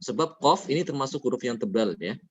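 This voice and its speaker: A man teaching Quran recitation rules, explaining each rule and then reciting the examples slowly and melodically. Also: medium pitch, animated, breathy edge, dull audio. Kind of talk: tajwid lesson.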